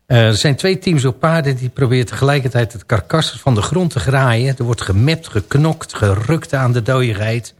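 A man's voice: mid-range voice, lively intonation, moderate pace, few pauses. A man presenting on local radio, chatting casually and laughing now and then as he tells odd facts about strange sports.

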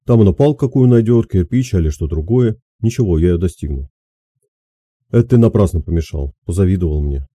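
A man's voice: sits low, animated, a little fast, dark tone, no room sound, studio quality. A man voicing a boastful, crude young peasant vagrant who talks slyly and coarsely in an audiobook. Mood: swaggering. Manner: swaggering, sly, coarse banter. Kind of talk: audiobook character voice.

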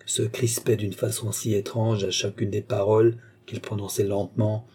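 Dark, husky male audiobook narrator. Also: on the low side, level tone, normal speed. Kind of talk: scripted narration.

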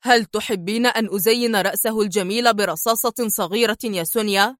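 A woman's voice: mid-range voice, a little fast, no echo, clean studio sound, close to an everyday voice. A woman voicing a steely male secret agent in an audiobook, speaking in a stern, clipped, icy way. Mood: stern, cold. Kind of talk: audiobook character voice.

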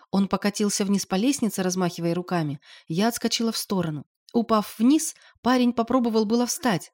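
A woman narrating an audiobook in a lively, expressive storytelling manner. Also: mid-range voice.

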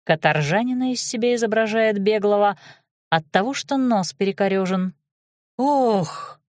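A woman narrating an audiobook in the first person, brisk and expressive, on a close studio mic. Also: mid-range voice, dry recording.

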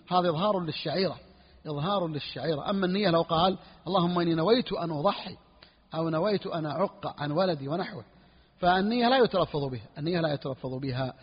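Fast, husky sheikh teaching jurisprudence. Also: male voice, high voice. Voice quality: husky, clears throat often. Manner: repeats phrases, asks students "clear or not?". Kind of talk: classroom lesson explaining a fiqh text. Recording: dull recording with long hall reverb.

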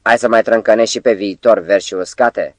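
A bleating, goat-like trickster taunts with mock politeness and open menace, as a man puts him on for an audiobook. The voice sits fairly low beneath the bleat. The recording is dry and close. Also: fairly even intonation, dry recording, lightly acted. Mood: menacing. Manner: mocking, menacing. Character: mocking male sidekick with bleating voice.

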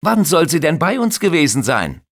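A man voicing a cocky young male lifeguard who loudly mocks and shouts. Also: a little high, big pitch swings, normal speed, pitched above the performer's own voice, heavily acted. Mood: teasing. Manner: loud, mocking, shouting over noise.

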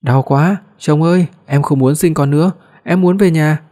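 Người đàn ông giả giọng cô vợ trẻ nhõng nhẽo. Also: male voice, a little high, normal speed, dark tone, lightly acted. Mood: pouting. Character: young wife, playful and clingy.

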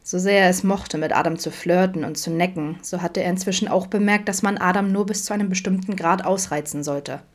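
A woman reading a fan fiction audiobook aloud in a calm, even storytelling manner. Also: fairly low pitch, brisk, hardly any pauses. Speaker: audiobook reader.

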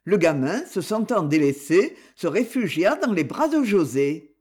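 A woman narrating a novel in a measured, expressive reading. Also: lowish voice, slightly rough. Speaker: audiobook narrator. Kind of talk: scripted narration.

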